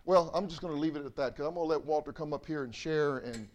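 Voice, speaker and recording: A man's voice: fairly high pitch, fast, darkish tone. A man, a pastor, preaching to his church in a loose, conversational and emotional way, repeating himself often. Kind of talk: sermon. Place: church sanctuary.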